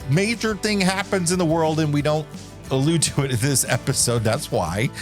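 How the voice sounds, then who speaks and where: A man's voice: a little high, moderate pace, music in the background. A man co-hosting a casual podcast, chatty and self-deprecating, often trailing off and restarting. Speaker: podcast co-host. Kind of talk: casual chat.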